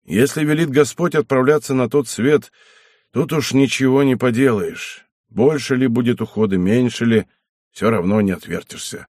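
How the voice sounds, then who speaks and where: A man voicing an old ailing knight in an audiobook, speaking slowly and heavily, softened by emotion, with a husky voice. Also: mid-range voice, no echo, clean studio sound, lightly acted. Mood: weary. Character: old ailing male knight, weary and stubborn. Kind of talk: audiobook character reading.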